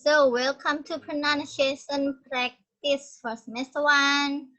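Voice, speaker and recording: A woman's voice: high voice, little pitch movement, takes it slowly, sharp tone, rough recording. A young woman lecturer with an Indonesian accent, moving between English and Indonesian as she explains terms patiently to her class. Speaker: university lecturer.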